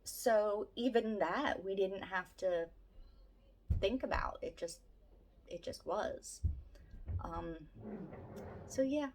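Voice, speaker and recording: A woman's voice: medium pitch, slow, long pauses, slight background noise. A woman about to turn fifty with a Philadelphia-area accent, chatting casually to camera in a rambling, self-deprecating way. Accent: Philadelphia-area American. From Southeast Pennsylvania, USA. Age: late 40s, turning fifty. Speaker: vlogger.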